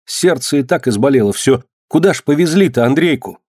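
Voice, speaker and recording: A man's voice: medium pitch, animated, brisk, darkish tone, husky, dry recording, clean studio sound, voice pushed up. A man voicing an anxious young peasant woman who pleads and cries out in distress. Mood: pleading.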